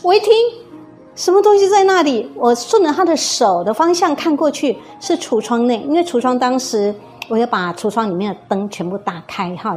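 A woman with a Taiwanese Mandarin accent, a music teacher, telling an eerie story in a lively, suspenseful way with many fillers. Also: mid-range voice. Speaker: guzheng teacher recounting a story. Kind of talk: casual storytelling.

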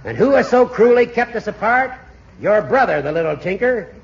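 An actor playing a crotchety, smug American judge who schemes as a spoilsport, in a 1940s radio comedy. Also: male voice, high voice, expressive, normal speed, vocal fry. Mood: gleeful scheming. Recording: muffled, hissy 1940s radio recording.

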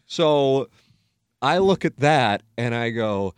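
An American man in his forties from Missouri, working as a radio talk show host, speaks in a mid-range, animated voice at a slow pace. His talk is candid, casual and reflective, rambling and self-deprecating with frequent swearing. The tone is clean and the recording dry.

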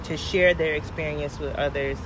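A woman's voice: sits low, fairly even intonation, normal speed. A woman hosting a podcast in a casual, friendly, conversational way, speaking directly to her listeners. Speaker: podcast host. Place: outdoors on location, traffic behind. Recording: outdoor location with clear traffic noise.

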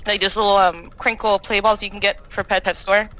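A woman's voice: medium pitch, little pitch movement, a little fast, sharp tone, low-quality recording. A woman chatting loosely as a player over a headset voice call, her audio glitching and breaking up. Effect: glitchy, breaking-up, crunchy digital audio. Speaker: tabletop game player. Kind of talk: casual chat over a voice call.

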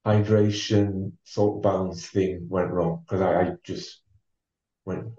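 Male guest, low mellow voice, unhurried anecdotes, full of ums. Roomy, slightly distant, lo-fi recording. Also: flat delivery. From North East England. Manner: measured, with many ums and restarts. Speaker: interview guest, former marathon runner. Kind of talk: relaxed storytelling. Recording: dull, roomy sound from off the mic.

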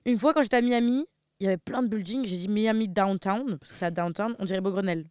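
A woman's voice: mid-range voice, quick pace, smooth, dry recording, clean studio sound. A young woman, co-hosting a jokey casual chat. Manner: jokey, bursts into loud laughing exclaims. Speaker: co-host.

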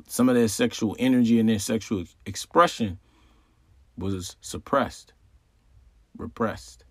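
This astrology host is a man with a husky, mid-range voice, heard in a dry recording with clean studio sound. He chats his way through a casual explanatory monologue, circling back to the same phrases and posing rhetorical questions.

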